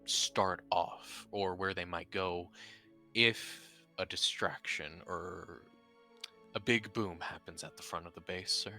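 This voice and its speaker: A man playing a focused, respectful military squad leader in a tabletop game, speaking in a deliberate, halting way. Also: sits low, fairly even intonation, pushed and bright, faint music behind, heavily acted. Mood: respectful, thoughtful.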